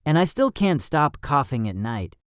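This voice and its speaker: A woman slowly reading out simple example sentences for learners. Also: deep voice, sing-song, dry recording, studio quality. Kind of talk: slow read-aloud example sentences.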